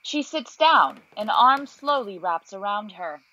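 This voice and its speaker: A woman's voice: mid-range voice, expressive, unhurried, pushed and bright, no room sound, low-quality recording. A woman narrating, reading stage directions from a script.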